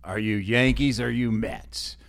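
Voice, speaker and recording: A man hosting a podcast in his office, asking questions in a jokey, animated way. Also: medium pitch, measured pace, creaky, no room sound. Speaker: podcast host. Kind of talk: casual interview chat. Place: office near a studio.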